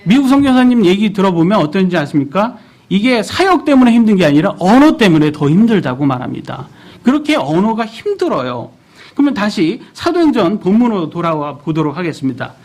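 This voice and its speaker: A man in his thirties delivers a sermon in a church, his voice pitched high and swinging through a wide, lively range. He keeps turning to the congregation with questions. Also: a little fast. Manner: animated, asks the congregation questions. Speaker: preacher.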